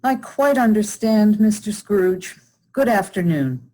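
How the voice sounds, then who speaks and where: A woman's voice: medium pitch, animated, slow, dark tone, low-quality recording. A woman playing a polite, earnest lady collecting for charity in a radio play, courteous and deferential. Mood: restrained, courteous.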